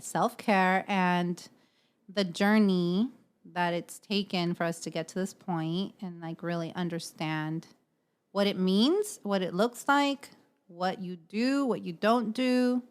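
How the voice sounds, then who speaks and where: A woman co-hosts a podcast, chatting casually and explaining things earnestly at length, often checking in with "right?" Her lowish voice is clear and resonant, and she takes her time.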